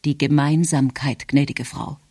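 A man reading aloud and voicing a discreet butler who speaks softly and deferentially. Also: on the high side, fairly even intonation, measured pace, slightly rough. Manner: hushed, deferential. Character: discreet old male butler, hushed and polite.

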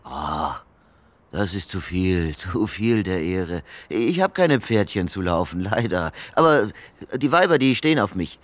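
In a radio crime drama, a male actor plays a chatty, sly homeless beggar, delivering colloquial, theatrical lines full of cheeky banter. His voice is low and animated, with a measured pace.

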